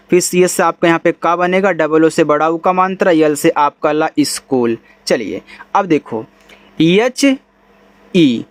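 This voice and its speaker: High-voiced male teacher. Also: dry recording. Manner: spells letters slowly, then repeats the word. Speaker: English teacher. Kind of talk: spelling-out phonics lesson.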